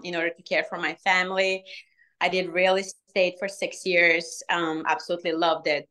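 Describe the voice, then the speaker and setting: A woman in her forties from Bulgaria with a Bulgarian accent, answering interview questions earnestly with frequent "um" pauses. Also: fairly low pitch, bright, forceful tone. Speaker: alumna guest, restaurant manager.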